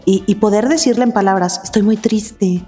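A woman's voice: mid-range voice, normal speed, mellow, soft background music. A woman, a guest chatting candidly and emotionally in an interview, repeating words for stress and sounding tired. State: weary. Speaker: guest, mother of two.

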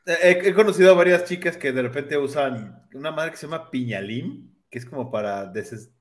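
A man's voice: a little high, a little fast. A man co-hosting a reaction podcast, telling stories animatedly. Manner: animated storytelling. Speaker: podcast co-host. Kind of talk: casual reaction chat.

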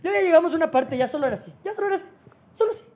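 A woman with an Ecuadorian accent, telling a story on a casual podcast, animated, laughing and swearing often. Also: extremely high pitch, racing. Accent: Ecuadorian Spanish. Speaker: podcast co-host.

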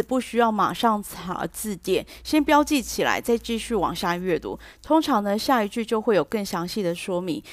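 A middle-aged woman with a Taiwanese Mandarin accent talks through an English lesson, explaining each point patiently and clearly. Her voice sits at an ordinary middle pitch. The recording is dry, with no room sound. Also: no room sound. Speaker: English teacher podcast host.

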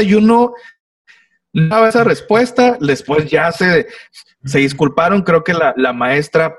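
A man's voice: fairly high pitch, no echo, distant mic. A young man with a Mexican Spanish accent, a podcast guest telling a long story in casual, slang-heavy, swearing chat over a video call.

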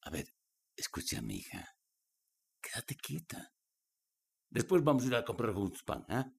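An actor playing a domineering man who wheedles and then turns bossy and sharp, in a low, husky voice. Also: animated, fast talker. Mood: coaxing, menacing. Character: domineering adult man, coaxing then menacing. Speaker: mother's partner.

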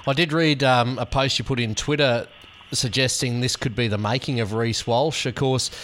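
Matey Australian man hosting radio, mid-pitched. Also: fairly even intonation, moderate pace, a bit bright, slight background noise. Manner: informal, matey. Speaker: fill-in radio host. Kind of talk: casual sports radio interview.

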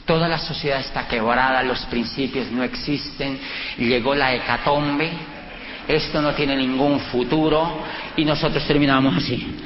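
A middle-aged Colombian man with a Colombian accent, telling personal anecdotes to an audience and acting out the dialogue in a lively way. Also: moderate pace. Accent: Colombian Spanish. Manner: animated anecdotes, acts out dialogue with lively pitch jumps. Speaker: speaker giving a talk. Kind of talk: storytelling lecture to an audience. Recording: dull, echoey hall with faint noise.

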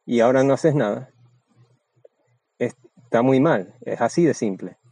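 Man, mid-pitched, seminar voice-over, crude and boastful, dry close sound. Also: a little slow, warm tone, dry recording, rough recording. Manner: blunt, crude and boastful, with many restarts. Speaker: seminar speaker. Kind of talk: Spanish voice-over of a seminar talk.

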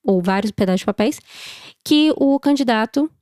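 Mellow woman podcaster with choked duck-like voice. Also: a little high, lively intonation, moderate pace, no echo, clean studio sound. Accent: Brazilian. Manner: chatty and playful, asks and answers her own questions. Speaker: podcast host. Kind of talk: casual explainer monologue on a podcast.

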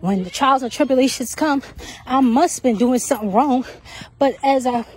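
A woman's voice: high voice, normal speed, a little hiss or hum. A woman podcast host, out of breath from walking outdoors on a track, giving casual, repetitive faith encouragement. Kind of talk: faith-based encouragement talk.

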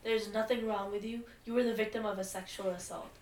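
A woman reading a calm female therapist who speaks in a steady, reassuring way. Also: mid-range voice, quick pace, echoey room, far from the mic, slight background noise, lightly acted.

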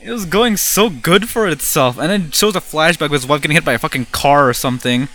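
A man's voice: a little high, brisk, bright, forceful tone. A teenage man telling a story in casual podcast chat, crude and laughing often. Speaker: podcast co-host.

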